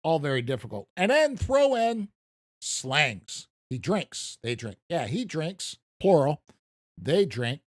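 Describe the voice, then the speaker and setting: Slightly high-voiced and slow, with big swings in pitch, this American streamer casually comments live while playing a farming game. He rambles, makes self-deprecating jokes and laughs at himself, all in a dry, clean studio recording.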